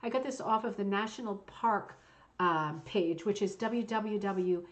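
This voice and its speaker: A woman's voice: medium pitch, a little slow, muffled recording. Chatty, enthusiastic woman calling bingo. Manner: chatty bingo caller, with asides and repeats; enthusiastic, gushing. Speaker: host of a hooked rug bingo show. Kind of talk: casual chatty presenting with read-aloud passages.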